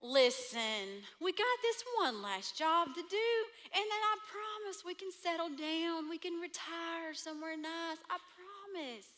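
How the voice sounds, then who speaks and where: A woman's voice: extremely high pitch, a little slow, hardly any pauses, a bit bright. A woman in a church drama playing a scheming, bossy outlaw who talks in a brash drawl and laughs easily.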